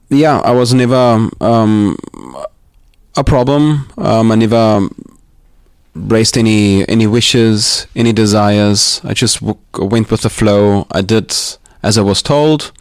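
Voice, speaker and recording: A man from Austria in his thirties, talking as an interview guest in a living room, reflective and hesitant, with many pauses and restarts. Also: lowish voice, fairly even intonation, darkish tone, smooth, no room sound, studio quality. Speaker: podcast guest. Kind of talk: casual interview talk.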